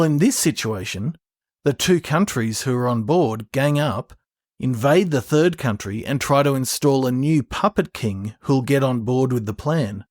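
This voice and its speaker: A man's voice: medium pitch, a little mellow, dry recording, clean studio sound. A man, a podcast host, teaching from the Bible in an earnest, explanatory scripted narration, reading passages aloud.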